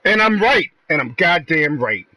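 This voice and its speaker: A man with a somewhat high voice that swings widely in pitch, needling and mocking a friend during a game stream. He argues freely and swears often. The sound is dry and close, with no room around it. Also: big pitch swings, a little slow, bright, forceful tone, dry recording. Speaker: gaming streamer. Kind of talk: heated casual banter with an online friend.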